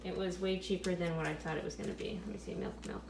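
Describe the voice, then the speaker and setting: With a lowish voice, vocal fry and a quick pace, a chatty woman vlogs a casual grocery haul from her home kitchen, thinking aloud about what things cost. The recording has room echo and a steady background noise.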